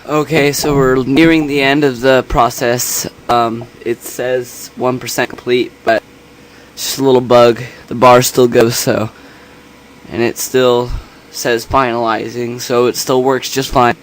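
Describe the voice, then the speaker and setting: A man giving a casual software tutorial in a quiet, understated voice, kept a little back from the microphone. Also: mid-range voice, level tone, unhurried. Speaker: tutorial host. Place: indoors at a computer. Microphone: separate microphone, not held close. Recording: noisy room hum, quiet separate mic.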